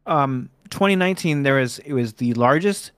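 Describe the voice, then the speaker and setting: A man's voice: medium pitch, animated, normal speed, fairly bright tone, smooth, no room sound, studio quality. A man hosting a podcast, chatting casually and laughing easily, swearing now and then. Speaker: podcast host.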